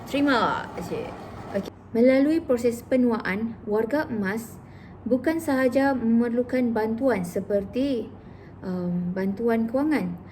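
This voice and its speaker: A woman's voice: on the high side, slow, warm tone, a little hiss or hum. A woman therapist in a casual educational vlog, chatting and explaining with acted-out examples. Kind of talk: informal educational vlog talk.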